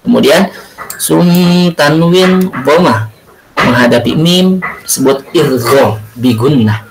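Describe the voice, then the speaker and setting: A male religious studies teacher explaining Quran recitation rules, drawing out chanted Arabic words slowly between explanations. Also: mid-range voice, expressive, gravelly, crowd noise, rough recording. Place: home or classroom, recorded for remote learning.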